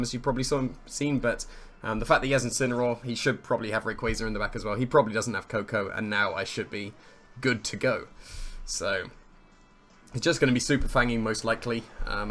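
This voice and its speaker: Here a man commentates on his own competitive match, thinking out loud, considering his options and enjoying his own plays, all in relaxed play-by-play. His voice is lowish, sharp in tone, and slightly hoarse and croaky.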